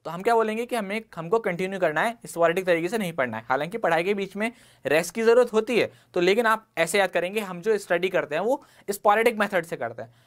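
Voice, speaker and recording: A man's voice: high voice, a little fast. A man with an Indian English accent teaching an exam-prep vocabulary lesson, mixing Hindi and English and asking rhetorical questions to the class. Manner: explains words with everyday examples and rhetorical questions.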